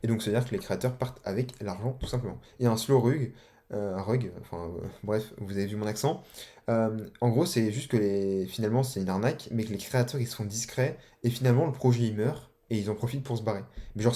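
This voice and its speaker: A young man explains things in a loose, slangy way, full of fillers and restarts. His voice sits fairly low and sounds dark and mellow. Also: quick pace. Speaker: online course instructor. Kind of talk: casual explanatory tutorial.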